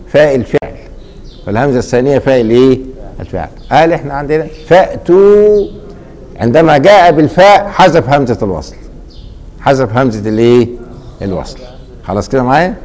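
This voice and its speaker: A middle-aged man with an Egyptian accent teaching a classroom grammar lesson, repeatedly pausing mid-sentence so students fill in the missing word. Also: mid-range voice, darkish tone. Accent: Egyptian Arabic. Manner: quizzing, leaves blanks for students to fill.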